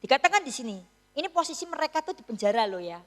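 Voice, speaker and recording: A woman preaches in a church, her high voice carrying through a long, ringing reverb. She tells her story in a chatty, teasing way, often checking in with the congregation. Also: very animated, very fast, fairly bright tone. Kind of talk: sermon.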